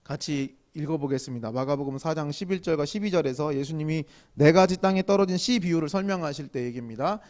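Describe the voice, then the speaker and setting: A man's voice: fairly high pitch, fast, hardly any pauses, darkish tone. A male pastor giving a sermon in a chatty style, asking the listeners questions and acting out lines of scolding. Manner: conversational, asks the audience questions and acts out scolding quotes. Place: indoor church hall at a small evening gathering.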